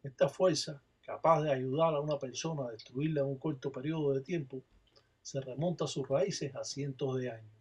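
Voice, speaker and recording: A man's voice: medium pitch, normal speed, darkish tone, husky. A man, a Palo Mayombe priest, giving a religious teaching narration and chanting ritual phrases with repeated refrains.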